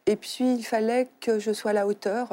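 Middle-aged woman, novelist guest; mellow, unhurried, searching for words. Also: on the high side, flat delivery. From Algeria. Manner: thoughtful, halting with many fillers. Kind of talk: studio talk show conversation.

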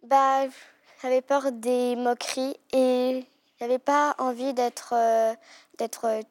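Young girl guest, high-ish voice, stops and restarts a lot, dry close sound. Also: flat delivery, slow, darkish tone, no room sound. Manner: hesitant, with many restarts. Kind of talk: casual chat.

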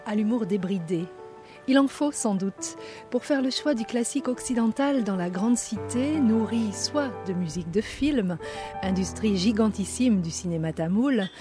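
Female documentary narrator, measured and lyrical, over a music bed. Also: mid-range voice. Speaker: reporter narrator. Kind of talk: scripted narration.

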